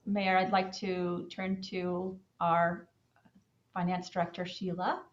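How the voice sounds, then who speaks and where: A woman city manager speaking in a measured, formal way at a public meeting, with occasional fillers. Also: lowish voice, little pitch movement. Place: city council chamber. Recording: echoey chamber, dull audio.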